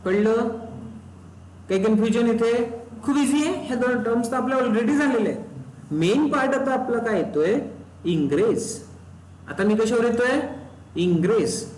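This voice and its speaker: A man's voice: very high-pitched, expressive, normal speed, pauses often, a little mellow. A man teaching a live technical class, often asking students questions and repeating key terms. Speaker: instructor. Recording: roomy echo, faint background noise.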